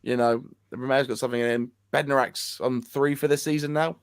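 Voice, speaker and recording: Guy chatting football, keeps restarting his sentences, normal pitch. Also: steady tone, clean tone. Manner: halting, many restarts and repeats. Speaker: co-host of a football fan channel. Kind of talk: casual chat.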